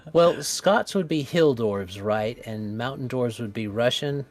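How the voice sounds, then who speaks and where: Co-host, male, mid-pitched, dry joker who riffs on ideas, faint music underneath. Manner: wry, joking. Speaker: game designer co-host. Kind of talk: casual livestream brainstorming.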